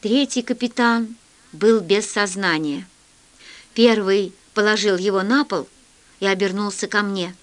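A woman reading a children's story aloud with expressive storytelling. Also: mid-range voice, unhurried. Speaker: narrator.

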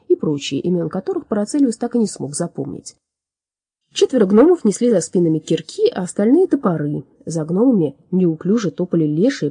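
Mellow, husky woman narrating a fairy tale. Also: lowish voice, no echo, clean studio sound. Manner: expressive storytelling. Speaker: audiobook narrator.

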